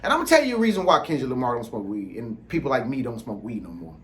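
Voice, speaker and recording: A man's voice: mid-range voice, huge pitch swings, very fast, a little hiss or hum. An American man talking casually in a rambling solo vlog, using street slang and repeatedly checking that listeners follow him. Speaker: vlog host giving informal advice.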